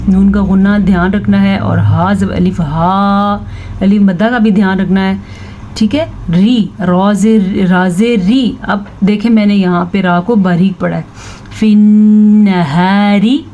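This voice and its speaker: A woman teaching tajweed, slowly reciting verses and patiently explaining how each letter is pronounced. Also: mid-range voice, fairly even intonation, a little mellow, dull audio, slight background noise. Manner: slow, drawn-out recitation of verses between quick spoken explanations; patient, instructive, repeats each word to correct common mistakes. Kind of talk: tajweed lesson with recited examples.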